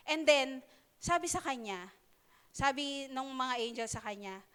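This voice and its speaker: High-voiced woman preaching conversationally. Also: animated, fairly bright tone, clear, resonant tone. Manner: conversational, halting, with many fillers and playful asides. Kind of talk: sermon in Taglish.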